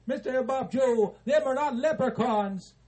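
A man playing a jolly, patient old Santa Claus who talks slowly and soothingly between ho-ho-hos. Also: very high-pitched, darkish tone. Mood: calming. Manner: slow, soothing, chuckling ho ho ho.

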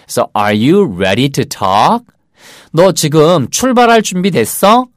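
Lively Korean English teacher, dry studio sound. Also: male voice, fairly high pitch, no room sound. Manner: lively, drills English phrases slowly and clearly, with a sing-song rhythm. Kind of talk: casual English lesson.

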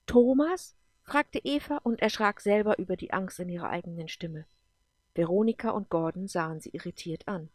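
A woman calmly narrating a science fiction audiobook episode. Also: lowish voice, fairly quick, no room sound. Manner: calm, even storytelling. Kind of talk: scripted narration.

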